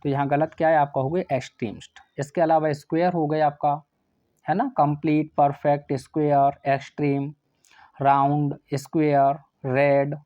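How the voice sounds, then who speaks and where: A man's voice: fairly high pitch, no room sound. A man teaching English grammar for an exam, asking his students questions and then answering them himself. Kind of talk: exam-prep lesson. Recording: dry, slightly dull sound.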